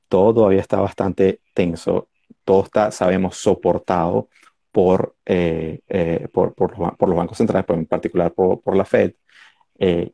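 A man talks through markets in a loose, rambling way, stumbling over words and restarting often. His voice sits very low, with a gravelly, husky edge. The sound is dry and close, with no room around it. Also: dark tone, dry recording. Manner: rambling, many fillers and restarts. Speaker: host of a markets talk stream. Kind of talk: casual market commentary monologue.

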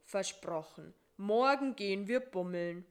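Brief: woman playing a dozy, nervous male spider in a storybook, stubborn and know-it-all, a bit louder. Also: mid-range voice, animated, clean tone. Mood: sleepy. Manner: drowsy, slow and know-it-all.

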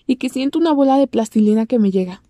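A woman's voice: expressive, quick pace, warm tone, no room sound, studio quality. A young woman with a Mexican accent telling a personal story to the camera, chatty and acting out what people said. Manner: chatty, acts out quoted lines in a squeaky voice. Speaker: vlogger.

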